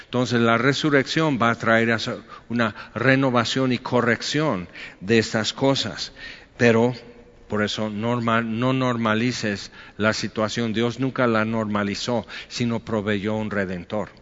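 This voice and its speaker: A man preaching a conversational sermon as pastor, joking and acting out quotes in a higher voice. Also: steady tone, measured pace, fairly bright tone. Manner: chatty, jokey, acts out quotes in a higher voice. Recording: dull sound with long reverb in a hall.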